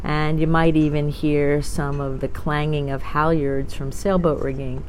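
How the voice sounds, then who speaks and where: Female meditation guide, low register, very measured and soothing, clear outdoor wind noise behind. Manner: calm, soothing, unhurried delivery with long pauses. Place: outdoors at a waterfront yacht club by a bay. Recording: windy outdoor noise, distant boat ambience. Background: outdoor wind and waterfront ambience.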